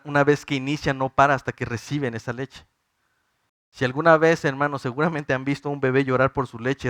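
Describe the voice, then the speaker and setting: Mexican male pastor, 30s, earnest pleading sermon, smooth voice, dry close sound. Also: medium pitch, fairly bright tone, dry recording. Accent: Mexican Spanish. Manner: earnest, pleading, addresses the congregation as brothers.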